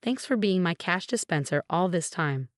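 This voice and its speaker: A woman voicing a smug, scheming husband in his fifties in a narrated story, mocking and later yelling in panic. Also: on the low side, expressive, normal speed, no room sound, studio quality, natural voice.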